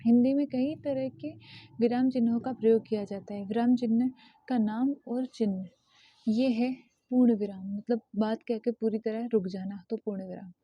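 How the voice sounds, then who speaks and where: A woman teacher explaining a grammar lesson step by step, often pausing to repeat terms. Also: fairly high pitch, fairly even intonation, no room sound. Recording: dull lo-fi sound.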